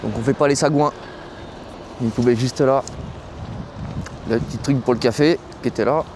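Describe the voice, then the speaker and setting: Chatty young French trucker, outdoors. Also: male voice, mid-range voice, moderate pace, background noise. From France. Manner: slangy, chatty, talks straight to his viewers. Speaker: truck driver vlogger. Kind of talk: casual vlog chat. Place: truck stop outdoors, cold and windy.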